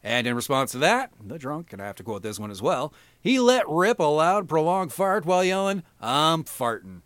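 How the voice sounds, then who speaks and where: A man's voice: a little high, lively intonation, fairly quick, fairly bright tone, clean tone, no echo. A middle-aged man hosting a podcast, reading crude satirical news with a profane, mocking, sarcastic delivery. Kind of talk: crude comedic news parody.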